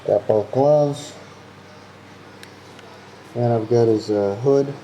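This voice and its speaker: A man's voice: mid-range voice, takes it slowly, a little hiss or hum. A man who builds models, casually narrating his progress while his voice is muffled by the face mask he is wearing. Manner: relaxed, casual, with frequent "uh".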